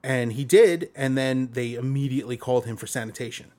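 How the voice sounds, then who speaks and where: A man's voice: mid-range voice, fairly quick, a little mellow. Brooklyn man telling stories in casual chat. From Brooklyn, New York. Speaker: podcast guest. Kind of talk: casual conversational storytelling.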